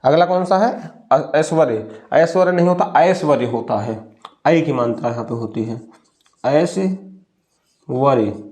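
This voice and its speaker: A young man teaching a Hindi spelling lesson, who asks a question and then answers it himself, drawing words out slowly to stress them. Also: on the high side, a little mellow.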